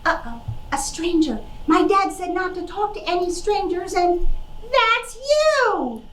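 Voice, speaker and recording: A woman's voice: very high voice, big pitch swings, slow, fairly bright tone, heavily acted. A woman voicing a cheerful, friendly little girl in a children's puppet show. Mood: trusting. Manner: chirpy, friendly, childlike exclamations. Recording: roomy, distant mic with background noise.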